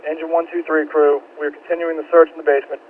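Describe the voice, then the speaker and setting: A man making clipped, procedural firefighter radio calls, heard through a low-quality two-way radio transmission. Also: flat delivery, quick pace. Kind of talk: radio dispatch call. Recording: tinny radio line with faint static.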